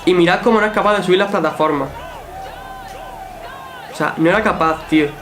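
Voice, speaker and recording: High-voiced young man telling a story. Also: fairly quick, some chatter behind, slight background noise. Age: young adult. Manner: animated, swears freely, acts out quotes. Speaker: athlete recounting his show run. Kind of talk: casual storytelling vlog commentary.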